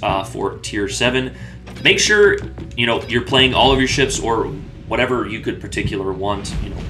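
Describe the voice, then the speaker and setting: A man talking casually as a gaming YouTuber, rambling and often restarting or correcting himself mid-sentence. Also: medium pitch. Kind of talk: casual commentary.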